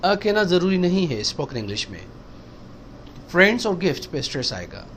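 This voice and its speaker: A man teaching spoken English, explaining slowly and repeating example sentences for practice. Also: sits high, very animated, a bit bright, slight background noise.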